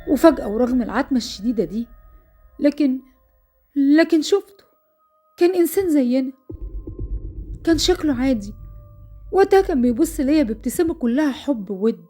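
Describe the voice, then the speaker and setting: A woman's voice: sits high, expressive, brisk, long pauses, dark tone, faint music behind. A young woman with an Egyptian Arabic accent narrating a first-person horror story, breathless and fearful.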